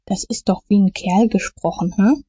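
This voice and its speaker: A woman doing a gruff, cold-hearted killer. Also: medium pitch, normal speed, mellow, muffled recording, lightly acted. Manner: gruff, growling.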